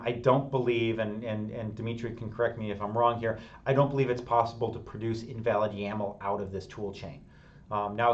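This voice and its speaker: A middle-aged man hosting a live technical stream, thinking aloud with many fillers and restarts while he answers chat. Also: fairly low pitch. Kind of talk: casual live-stream explanation. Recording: slightly dull lo-fi stream audio.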